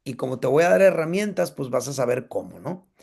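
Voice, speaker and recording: A man's voice: medium pitch, sing-song, brisk, gravelly, a little mellow. A man teaching a casual Bible class, talking conversationally and checking in with his listeners.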